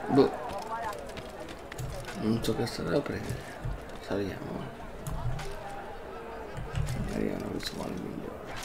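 A man's voice: on the low side, wildly swooping pitch, slow pace, vocal fry, long pauses, very noisy. A middle-aged man giving casual commentary while playing a video game. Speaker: game streamer. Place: indoor room, game audio behind.

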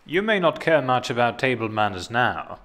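A man's voice: mid-range voice, big pitch swings, moderate pace, fairly bright tone. A man playing a boy's future self as a young man, talking to him in an earnest, lecturing way in a dubbed instructional film. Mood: persuasive.

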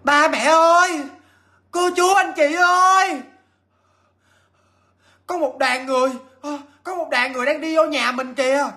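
A man voicing frightened young children shouting for their parents in a ghost story, his voice pushed high and shrill. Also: unhurried, pauses often, exaggerated voice. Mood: alarmed. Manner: shrill calling out.

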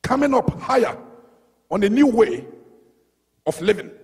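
High-pitched gravelly preacher man. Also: sing-song, measured pace, in a large hall. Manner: emphatic, repetitive, stretching key words. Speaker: pastor. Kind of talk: energetic sermon with scripture reading.

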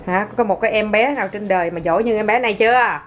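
This mid-range woman's voice belongs to a fast-talking mother and vlogger at home. Chatting with her toddler and viewers, she's coaxing, playful and quick to laugh. The indoor footage is dull lo-fi home video carrying faint noise.

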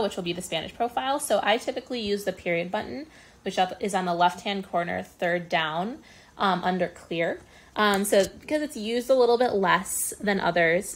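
A woman speech-language pathologist walks through a software tutorial one step at a time. Her voice sits in a middle pitch, and she talks casually, filling the pauses with ums. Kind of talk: screen-recorded software tutorial.

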